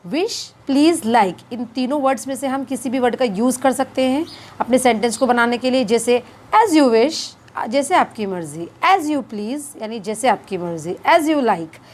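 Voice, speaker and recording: Slow, deliberate woman teaching English. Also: on the high side, low-quality recording. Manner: repeats English phrases slowly and deliberately. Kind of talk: spoken English lesson.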